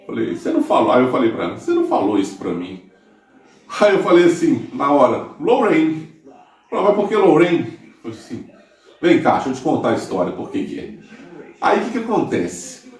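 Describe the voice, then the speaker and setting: A man's voice: medium pitch, a little mellow. Brazilian guy rambling to his viewers, lots of restarts, sounds far off the mic in a real echoey room. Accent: Brazilian Portuguese. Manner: rambling, many restarts and tag questions. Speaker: YouTube channel host. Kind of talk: casual chat to viewers.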